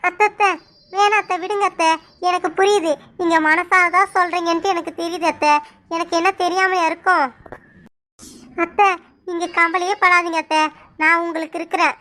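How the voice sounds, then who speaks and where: A woman doing a shrill, sharp-tongued young wife. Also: steady tone, moderate pace. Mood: soothing. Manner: accusing, insistent. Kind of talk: cartoon voice acting.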